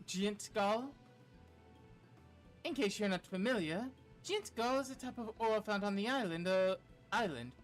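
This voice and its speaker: A woman's voice: medium pitch, pitched above the performer's own voice, natural voice. A woman reading aloud as a formal, courteous scholarly mentor from a game, sometimes stumbling over the words.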